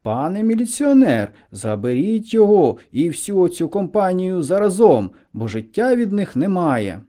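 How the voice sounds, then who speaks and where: A man's voice: mid-range voice, animated, measured pace, dark tone. A man voicing a pompous, potbellied middle-aged man who talks scornfully.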